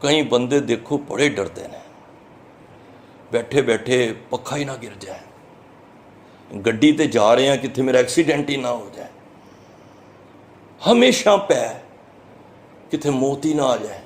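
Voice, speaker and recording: A man's voice: medium pitch, animated, slight background noise. Earnest Punjabi man preaching. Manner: earnest, explanatory, chants verses slowly then explains them. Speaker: Sikh preacher giving scripture commentary. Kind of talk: sermon, explaining scripture verse by verse.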